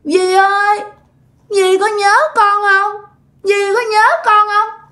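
A woman's voice: extremely high pitch, flat delivery, slow pace, pushed and bright, pitched above the performer's own voice, heavily acted. A woman voicing the ghost of a drowned toddler, speaking in a tiny sniffling voice as if crying. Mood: tearful, pleading. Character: ghost of a drowned toddler boy, weeping and resentful.

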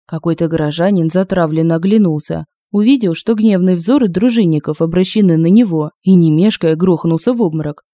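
Woman reading a funny audiobook, mellow, dry home mic. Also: on the low side, fairly quick, few pauses, no echo. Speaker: audiobook narrator. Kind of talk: scripted narration. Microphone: close mic, home recording.

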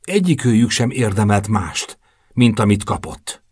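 A man narrating a novel in the first person, in a measured, subdued storytelling manner. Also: lowish voice, animated, darkish tone, breathy edge, no room sound, studio quality. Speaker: audiobook narrator.

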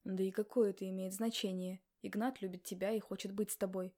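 A woman's voice: level tone, fast talker, dark tone, lightly acted. A woman voicing a curt, brooding young man who growls his words in an audiobook. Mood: tense. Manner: terse, low growled delivery.

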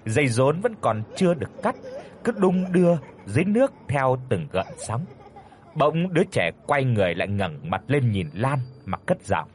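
A man narrating a ghost story in an expressive, dramatic way. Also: medium pitch, normal speed, a little hiss or hum.

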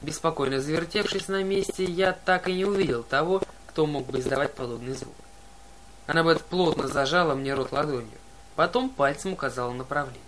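A man narrating an audiobook in a lively first-person storytelling manner. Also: a little high, fairly quick, slight background noise. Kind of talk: audiobook reading.

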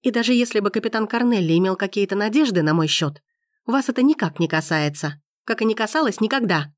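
A furious young heroine from an audiobook romance, as a woman reader puts her on, loud and raised well above the narrator's low voice. She exclaims and accuses in a heated rush. The sound is close and dry. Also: lively intonation, fast talker, no echo, lightly acted.

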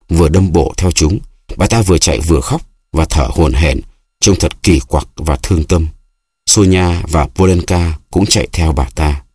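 A man reading an audiobook aloud in a steady, measured narration. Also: sits low, breathy edge, no room sound, clean studio sound. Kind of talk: scripted narration.

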